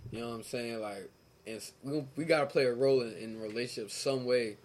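A man's voice: mid-range voice, fairly quick. A man chatting casually with friends as a co-host, drunk, his talk slangy, profane and peppered with "bro". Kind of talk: casual group chat.

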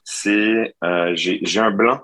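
A man's voice: on the low side, takes it slowly, fairly bright tone, poor audio. A man playing a radio quiz, thinking aloud and hesitating over answers. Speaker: quiz contestant. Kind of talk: casual game chat.

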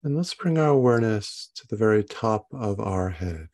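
A man guiding a body scan meditation in a calm, soothing, halting manner with long pauses between phrases. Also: fairly low pitch. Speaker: meditation guide.

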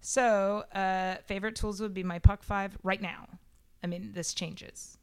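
A woman's voice: mid-range voice, steady tone, unhurried, clean tone, no echo. A woman guest on a podcast, chatting casually and self-deprecatingly with many fillers. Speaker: podcast guest, robotics club founder.

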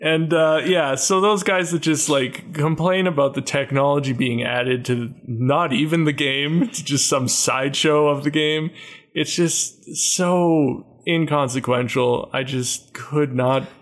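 A man's voice: fairly high pitch, fairly even intonation, a little slow. A man co-hosting a hockey podcast in casual chat, laughing often and riffing with mocking asides. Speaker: podcast co-host.

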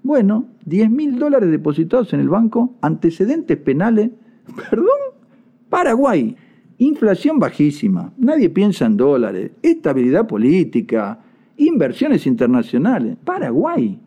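A man's voice: high voice, wildly swooping pitch, moderate pace, mellow, breathy edge. An older man with an Argentine accent giving indignant, sarcastic political commentary. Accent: Argentine Spanish. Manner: indignant, sarcastic, mocks people in put-on voices. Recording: dull lo-fi sound.

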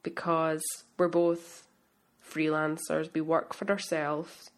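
A woman's voice: low-pitched, flat delivery, takes it slowly. A woman co-hosting a casual podcast while sick, chatty and self-deprecating. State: sick, under the weather. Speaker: podcast co-host. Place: home in Scotland.

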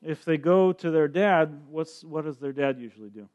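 A man's voice: a little high, a little slow, a little mellow. A man interpreting a sermon into English live, often restarting and repeating words as he looks for the right phrase.

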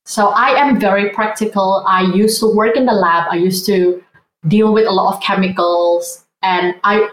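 A woman's voice: medium pitch, steady tone, moderate pace, roomy sound, rough recording. A woman, talking as a podcast guest in an earnest, reflective way. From Indonesia. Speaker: guest, vintage blogger. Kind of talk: conversational interview.

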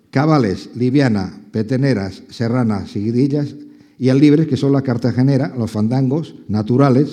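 Man, guitarist-lecturer, warm husky tone, counts beats aloud. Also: mid-range voice. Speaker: flamenco guitarist giving a talk. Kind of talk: spoken lecture on flamenco rhythm.

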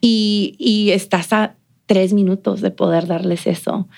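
A woman's voice: mid-range voice, steady tone, a little slow, creaky, a little mellow. A woman from the border region being interviewed, talking reflectively with many fillers and some English phrases. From United States, El Paso border region. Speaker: interview guest, business owner. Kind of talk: casual conversational interview.

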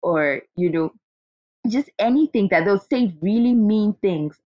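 A woman's voice: medium pitch, animated, a little slow, no echo, dull audio. A woman from Zimbabwe, a guest in an interview, talking candidly and restarting her sentences. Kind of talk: conversational interview.

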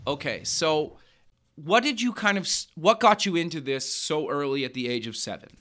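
A man's voice: a little high, expressive, normal speed, bright, forceful tone. A man hosting a casual interview, often restarting his words and saying "okay" as he listens. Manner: stammering restarts, frequent "okay". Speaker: podcast host.

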